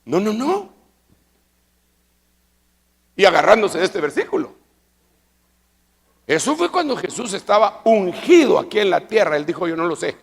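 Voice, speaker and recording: A man preaching a sermon at a church convention, arguing with rhetorical questions and repetition, and building up to drawn-out shouts. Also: sits high, very animated, gravelly, husky. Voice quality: rises to loud, drawn-out shouting for emphasis. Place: large church convention hall. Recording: long reverb of a large hall.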